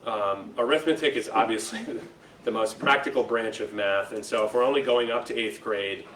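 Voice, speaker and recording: Speaking fairly low and a bit bright, an American lecturer addresses an audience in a school room. His educational presentation is informal, and he keeps checking in with "right?" and "okay?". The distant mic picks up roomy echo and faint noise.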